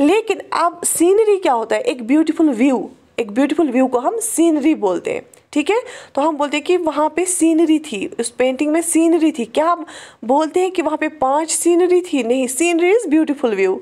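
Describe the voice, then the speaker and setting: A woman, a native Urdu speaker, teaching English grammar in a lecture. She explains in Hindi-Urdu, says the English example sentences slowly and deliberately, and often checks in with the class. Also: high-pitched, animated, darkish tone. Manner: often checks in with "theek hai" and "right".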